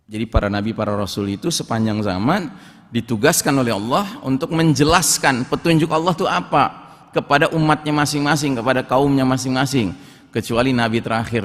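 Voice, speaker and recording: A man preaching to a gathering in a relaxed, conversational manner, tossing in tag questions as he tells the story. His voice sits at a mid pitch, and the words ring out with a long reverb from a large hall. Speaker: Islamic preacher. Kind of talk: sermon storytelling.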